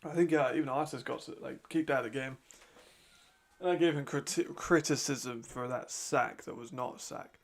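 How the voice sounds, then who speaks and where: A man's voice: medium pitch, moderate pace, vocal fry. A man giving casual, chatty live commentary while watching a football game, laughing often and trailing off mid-thought.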